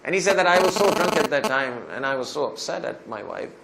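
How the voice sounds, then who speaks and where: A man's voice: mid-range voice, expressive, quick pace, vocal fry, heavy background noise. A male preacher giving a sermon, retelling another man's story in the first person and rising to emphatic pleas at its peaks. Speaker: Islamic preacher.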